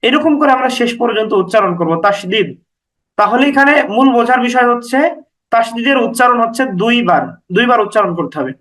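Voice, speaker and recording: A man's voice: extremely high pitch, expressive, fairly quick, a bit bright, poor audio. A man teaching how to pronounce Quranic letters in a step-by-step lesson, patiently sounding out syllables with many repetitions and asking and answering his own questions. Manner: asks questions and answers them himself.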